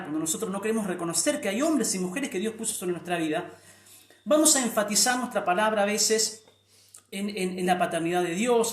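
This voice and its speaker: A man's voice: sits high, echoey room. A middle-aged man preaching a sermon, earnest, often repeating words and restarting before lifting his voice on key phrases.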